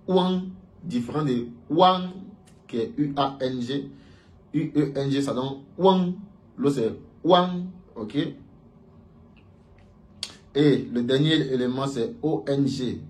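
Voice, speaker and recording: A male language teacher walks through pronunciation at an unhurried, deliberate pace. He patiently explains each sound, then says it again louder and higher so students can repeat after him. His pitch sits in a middle range. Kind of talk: Mandarin pronunciation lesson.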